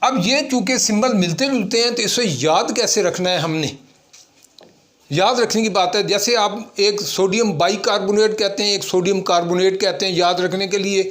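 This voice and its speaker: A man's voice: sits high, moderate pace, a bit bright. A male teacher giving a classroom lecture, often asking a question and then answering it himself.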